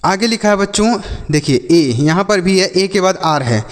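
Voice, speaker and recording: A man with a high voice teaches English phonics to children. He spells out letters and sounds each word slowly, then asks the class to say it back. His voice trails off into a long, hall-like reverb. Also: lively intonation. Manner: slow, repeats words and asks the class back.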